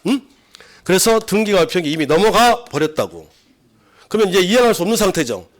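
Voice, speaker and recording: Lecturing on civil law, this middle-aged man from South Korea speaks fast in a high, very animated voice. Examples get acted out, and questions to the students keep coming.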